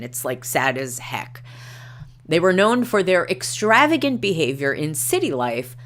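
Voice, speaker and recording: This woman has a bass voice that's a bit bright. Hosting a livestream, she chats casually and reads articles and quotes aloud, hesitating with frequent ums and uhs. She is not a native Norwegian speaker.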